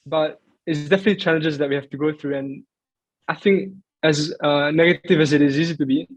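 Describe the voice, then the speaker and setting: A man's voice: fairly high pitch, fairly even intonation, fairly quick, no echo, highs cut off. A young man who grew up in Greece answering interview questions in a thoughtful, hesitant way, with many fillers. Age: young adult. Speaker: footballer guest.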